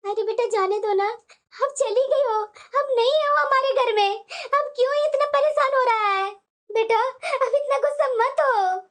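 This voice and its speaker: A woman's voice: very high voice, measured pace. A woman voicing an older mother-in-law in a family cartoon, soothing and pleading with her son.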